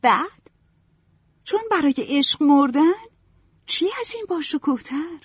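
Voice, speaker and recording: A woman's voice: high voice, lively intonation, no room sound, voice pushed up. A woman voicing a passionate, dramatic young woman in a storybook reading, talking in sweeping, emotional bursts. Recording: dull, dry, lo-fi.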